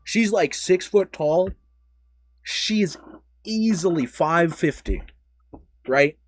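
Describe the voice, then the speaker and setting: A young man hosting a casual podcast chat, rambling and self-deprecating with sudden loud exclamations. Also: fairly high pitch, expressive, takes it slowly, dry recording. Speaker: podcast host.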